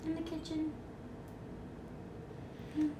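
Young woman, very high voice, giggly, casual podcast chat, background noise. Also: completely flat delivery, slow pace. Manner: giggly, laughs often between lines. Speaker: podcast co-host. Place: home kitchen.

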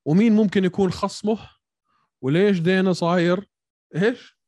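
A man's voice: sits high, moderate pace, a little mellow, no echo, studio quality. A man with a Levantine Arabic accent hosting a casual sports debate, mixing English words into his Arabic. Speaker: podcast host reading viewer questions.

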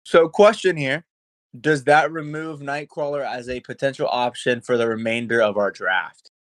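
A man's voice: mid-range voice, fairly even intonation, moderate pace, dry recording. A man co-hosting a podcast in casual chat, playful and laughing often. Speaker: podcast co-host.

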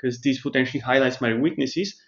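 This man, a startup CEO from Bulgaria, responds to an interviewer at a medium pitch, explaining things carefully with restarts and thoughtful pauses. The recording sounds lo-fi.

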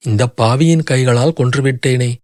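A man's voice: medium pitch, normal speed, a little mellow, dry recording, studio quality, close to an everyday voice. A man voicing a grief-stricken young noblewoman who pleads desperately through sobs. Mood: grieving plea.

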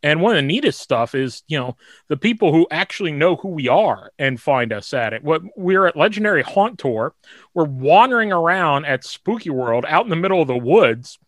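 Male podcast co-host, slightly higher voice, close dry mic, loose rambling delivery. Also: big pitch swings, normal speed, dry recording. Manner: rambling, many fillers and restarts. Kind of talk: casual chat.

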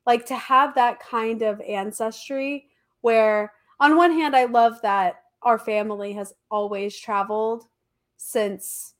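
A woman's voice: on the high side, fairly even intonation, takes it slowly. A woman with a congested, stuffy nose from allergies, telling history as a podcast host in a casual, slangy, emphatic way. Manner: chatty, informal, slangy and emphatic. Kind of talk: casual conversational history storytelling.

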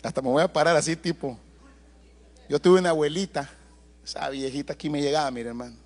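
A man preaching a sermon in church, telling family stories with lively asides to the congregation and loud bursts. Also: a little high, fairly quick. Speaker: pastor.

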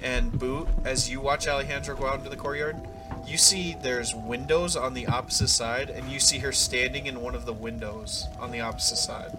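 A man running a tabletop game, narrating scenes in a steady, ominous way with the odd filler. Clear music plays under his voice throughout. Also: medium pitch, brisk. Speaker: game master. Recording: music playing clearly behind. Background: background music.

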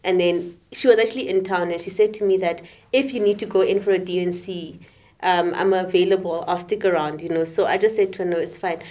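A young woman co-hosting a podcast from South Africa, speaking in a measured, reflective way in short halting phrases. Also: fairly low pitch, fairly even intonation, a little mellow. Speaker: podcast co-host. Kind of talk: candid conversation.

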